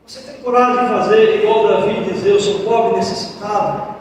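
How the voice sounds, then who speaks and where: A man preaching a sermon as pastor, impassioned, swinging between loud cries and hushed pleas. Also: high voice, fairly even intonation, fairly quick, far from the mic, a little hiss or hum. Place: church sanctuary. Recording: echoey church hall, mic heard from afar.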